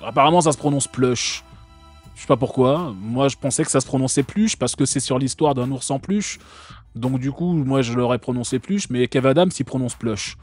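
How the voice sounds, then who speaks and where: A man's voice: mid-range voice, normal speed, a little mellow, breathy edge, dry recording, soft background music. A man from France hosting a live stream, talking casually and sarcastically with many fillers and restarts.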